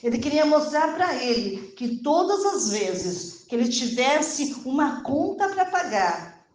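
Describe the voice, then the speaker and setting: High-voiced Brazilian woman preaching. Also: very animated, slow pace, roomy sound. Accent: Brazilian Portuguese. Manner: addresses listeners as "irmãos", acts out dialogue in the story. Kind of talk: sermon with storytelling.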